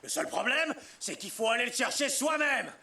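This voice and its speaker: A forceful, high-pitched and irritated male biker survivor in a video game. His delivery is gruff and sarcastic, with a gravelly edge. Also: animated, moderate pace, full character voice. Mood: bitter sarcasm.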